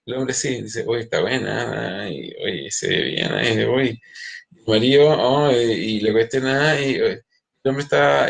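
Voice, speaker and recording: A middle-aged man, a rabbi, gives a spiritual lecture in a gravelly voice of ordinary male pitch. He keeps restarting and repeating words as he speaks straight to his listeners.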